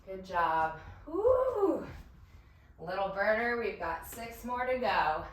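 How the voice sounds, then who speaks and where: A woman's voice: mid-range voice, a bit bright, distant mic. A woman leading a pilates workout, cheering and counting reps while out of breath. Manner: upbeat coaching with counting and cheers. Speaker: pilates instructor. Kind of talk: cueing a workout class. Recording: roomy echo, voice from off the mic.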